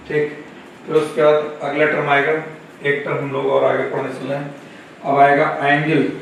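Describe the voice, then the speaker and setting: A male physics teacher with a Marathi-influenced Hindi accent giving a slow, repetitive classroom lecture, asking questions and answering them himself. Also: medium pitch, fairly bright tone. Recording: echoey classroom, camera far off, faint noise.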